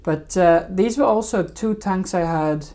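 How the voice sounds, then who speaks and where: A woman's voice: fairly low pitch, unhurried, warm tone. A woman hosting a fishkeeping live stream, rambling casually and hesitantly over her old videos. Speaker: fishkeeping channel host.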